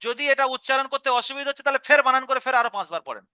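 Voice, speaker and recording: Male teacher on a live stream, patient instructor, smooth clear tone, dry close mic. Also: extremely high pitch, lively intonation, rapid-fire, sharp tone, dry recording. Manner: patient, step-by-step explaining, repeats syllables aloud. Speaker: Quran reading teacher. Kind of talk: live online class instruction.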